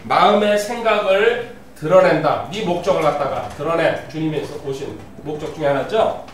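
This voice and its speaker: A pastor with a fairly high-pitched voice and a moderate pace preaches a sermon, reading scripture aloud and putting questions to the congregation. The recording sounds roomy and distant, with faint ambience and a little hiss or hum.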